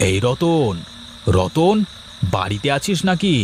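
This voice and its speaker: A man's voice: a little high, sing-song, takes it slowly, slight background noise. Sly lazy village guy plotting under his breath, cartoon story, man voicing. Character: lazy, scheming young village husband. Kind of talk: cartoon voice acting.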